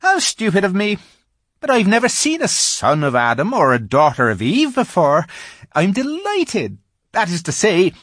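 Mr. Tumnus is a fussy, eager male faun, pitched well above the reader's own voice with wide, swooping leaps. He flutters and repeats his words, with a note of melancholy underneath. The recording is dry and close, with no room sound. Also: moderate pace, no echo. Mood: fluttery, polite. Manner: high, fluttering and excitable, often doubles his words; melancholy when he speaks of his past. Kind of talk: audiobook reading.

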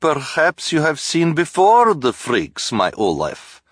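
A man's voice: mid-range voice, sing-song, takes it slowly, no room sound, clean studio sound, voice pushed up. A man voicing a sly foreign woman fortune-teller who speaks broken English, in an audiobook. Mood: curious. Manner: broken English, drops articles.

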